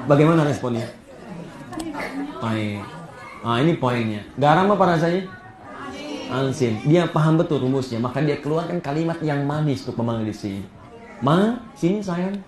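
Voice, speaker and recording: An Indonesian male Islamic preacher giving an animated sermon, reciting Arabic verses slowly and telling stories with rising, emphatic peaks. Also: mid-range voice, reverberant.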